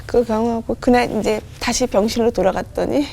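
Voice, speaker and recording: A woman's voice: fairly high pitch, brisk, gravelly. A woman guest on a studio talk show, telling an emotional personal testimony and acting out the dialogue in it. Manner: animated, acts out remembered dialogue. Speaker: guest singer giving a testimony.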